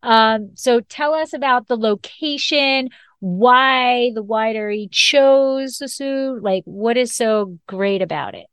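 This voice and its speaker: A podcast host who is also a sommelier speaks slowly in a slightly high, somewhat bright voice with a clean, echo-free tone. Bubbly and quick to laugh, she handles the show's intro and a casual interview.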